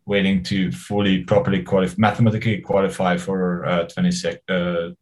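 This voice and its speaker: A man's voice: deep voice, level tone, a little fast, low-quality recording. A man in his forties from Hungary, a guest in an interview, talking in a rambling, hesitant way and laughing often. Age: 40s. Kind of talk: casual conversational interview.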